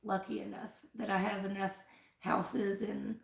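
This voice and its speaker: A woman hosts a flower-farm livestream, chatting casually and rambling with plenty of "like" and "um." Her medium-pitched voice is flat, a little slow, and gravelly, worn out and fading after an illness. The room she's in is echoey.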